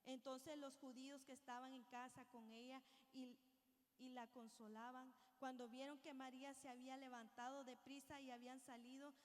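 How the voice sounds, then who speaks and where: A woman's voice: high voice, little pitch movement, moderate pace, in a large hall. A woman preacher reading scripture and giving an earnest, reflective sermon to her congregation. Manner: reflective, earnest, addresses listeners as brothers and sisters.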